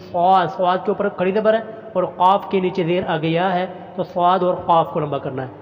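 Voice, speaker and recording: High-voiced male teacher reciting slowly. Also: big-room sound, lo-fi sound, slight background noise. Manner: recites words slowly and drawn out, then explains briskly. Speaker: Quran teacher. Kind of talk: recitation lesson.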